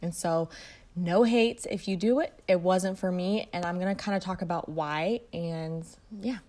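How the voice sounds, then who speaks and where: With a fairly low, mellow voice at a moderate pace, a twenty-something fitness and mindset coach from Detroit, Michigan hosts her own podcast. The solo monologue is casual and soothing, meandering with frequent fillers.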